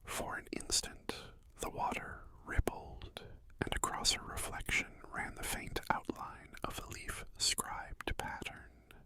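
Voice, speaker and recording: A storyteller whispers an ASMR bedtime story, hushed and soothing, moving slowly and pausing often between phrases.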